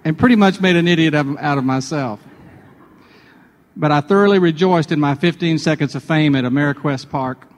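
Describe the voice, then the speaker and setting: A man's voice: a little high, a little fast. Chatty man in a reverberant hall. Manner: chatty, self-deprecating, with restarts. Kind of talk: conversational devotional storytelling.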